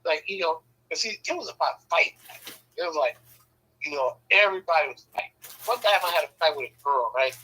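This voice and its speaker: A man's voice: a little high, expressive, brisk, pushed and bright, husky, rough recording. A man casually telling a rambling, profane story, often checking in with "right?". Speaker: podcast host telling a story.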